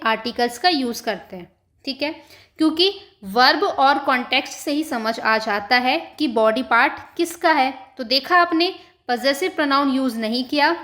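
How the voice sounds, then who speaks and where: A woman teacher with a Hindi accent giving an online language lesson, repeating example words slowly and checking in with listeners. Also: sits high, sharp tone. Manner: often adds "ठीक है" to check in. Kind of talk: slow explanatory online lesson.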